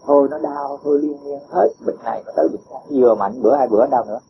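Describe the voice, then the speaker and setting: A man's voice: mid-range voice, fast talker. A man giving a patient Buddhist dharma talk, explaining with homely examples and chuckling often. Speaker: Buddhist teacher. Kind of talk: dharma talk answering a disciple. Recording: dull lo-fi recording with faint hiss.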